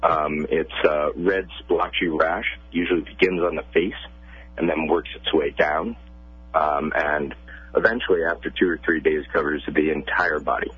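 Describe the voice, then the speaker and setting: Deep husky man on a phone line. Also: fairly even intonation, normal speed. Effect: heard over a phone line. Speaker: pediatrician interviewed as a guest. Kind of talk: radio interview, explaining plainly. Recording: tinny phone line on radio.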